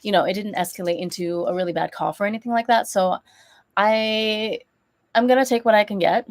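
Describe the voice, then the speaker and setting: A woman speaks at a middle pitch with a nasal, stuffed-up sound, as if getting over a cold. She chats informally like a vlogger showing a haul. Her talk rambles, with asides and self-corrections. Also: fairly quick. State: congested from a recent cold, with a sore throat. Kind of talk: casual chatty haul vlog.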